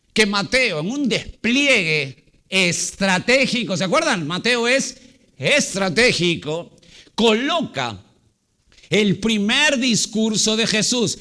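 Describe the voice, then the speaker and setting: A man pastor preaching a Sunday sermon to his congregation. He asks rhetorical questions, repeats key words and slows down to stress them. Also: high-pitched, sharp tone. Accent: Latin American Spanish. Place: church.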